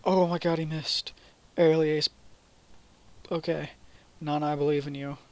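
Gravelly, high-voiced gaming commentator. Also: male voice, level tone, brisk. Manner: chatty, reads game text aloud. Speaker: let's play host. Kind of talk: casual gameplay commentary.

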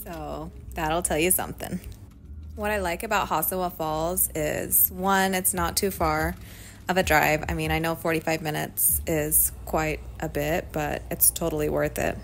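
Low-voiced young woman gushing about a hike. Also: steady tone, a little slow, slight background noise, poor audio. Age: young adult. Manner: upbeat, gushing, lots of "like". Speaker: travel vlogger. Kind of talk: casual travel vlog narration.

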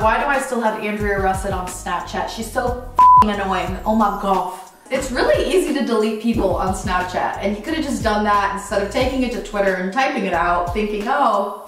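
A woman in her twenties sarcastically reading and reacting to mean comments in a blunt, animated, self-deprecating casual way. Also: medium pitch. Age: 20s. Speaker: video blogger. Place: indoors, small furnished room at home. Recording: echoey room, distant mic, faint music.

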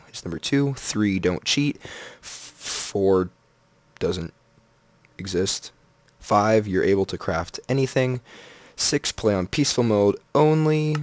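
A low-voiced man chats through his gameplay in a casual, joking way, reading the game's signs aloud as he goes. The recording is dry and close, with no room sound. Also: dry recording. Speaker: Minecraft let's player.

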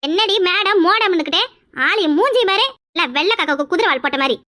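A woman voicing a loud, quarrelsome middle-aged village woman in a cartoon, with a scolding, rapid-fire way of talking. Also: very high voice, animated, heavily acted. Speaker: cartoon character. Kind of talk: cartoon voice acting.

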